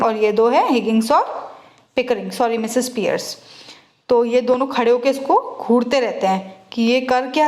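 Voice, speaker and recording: A woman teacher explaining an English play in Hindi. She reads the English lines slowly. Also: fairly high pitch, a little mellow, roomy sound.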